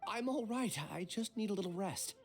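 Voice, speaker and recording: A woman's voice: mid-range voice, normal speed, a little mellow, soft background music, lightly acted. A woman playing a troubled, polite young scholar in a game, speaking hesitantly and wearily. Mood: uneasy reassurance. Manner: hesitant, downplaying. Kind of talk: scripted game voice acting.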